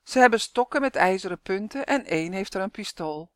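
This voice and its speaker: A woman reading a children's story aloud, lively and acting out the characters. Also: medium pitch, a little fast, dry recording, studio quality.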